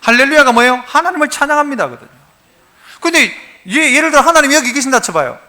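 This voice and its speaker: Pastor, male, very high tense voice, folksy call-and-response preacher in a church. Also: quick pace. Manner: lively, quizzes the congregation and prompts responses; folksy and humorous. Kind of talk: sermon. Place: church sanctuary, live service.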